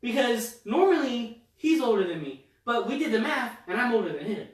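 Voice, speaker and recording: A man's voice: extremely high pitch, moderate pace. A man in his twenties, a podcast co-host telling a story in casual chat, acting out what others said. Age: 20s. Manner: animated storyteller, acts out quotes. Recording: echoey room, far from mic.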